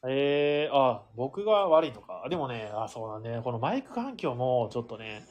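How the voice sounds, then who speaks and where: A man's voice: medium pitch, very animated, normal speed, dull audio, a loud crowd. A male radio show host chatting casually over an iPhone mic, with lots of fillers and laughter. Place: board game bar. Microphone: iPhone held close.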